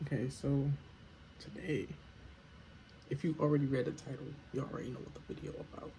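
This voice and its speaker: A man's voice: medium pitch, level tone, a little fast, dark tone, slight background noise, rough recording. A young man casually telling a storytime vlog in a laid-back, slangy way with joking asides. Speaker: vlogger.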